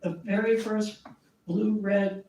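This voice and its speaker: Far from the mic in an echoey meeting room, a woman with a mellow, scratchy, mid-range voice keeps a steady tone and draws out her words. Her informal presentation to the community group is friendly and chatty, punctuated by little laughs and fillers.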